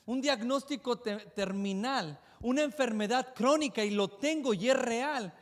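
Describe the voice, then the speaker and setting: A male pastor with a very high voice preaches with fervor. He repeats his key lines and keeps asking rhetorical questions. His voice carries through a church sanctuary with a long hall reverb. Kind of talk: sermon.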